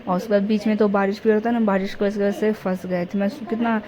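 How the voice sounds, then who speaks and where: Chatty young woman, flat steady tone. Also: mid-range voice, a little fast, a crowd in the background. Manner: chatty, rambling storytelling. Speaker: vlogger. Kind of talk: casual family vlog narration. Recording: faint background noise.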